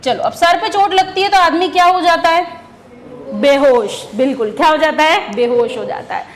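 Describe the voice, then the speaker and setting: A woman's voice: high voice, moderate pace, slight background noise. A woman teacher giving an exam-prep lesson, asking questions and answering them herself while repeating key words. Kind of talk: exam-prep lesson using memory stories.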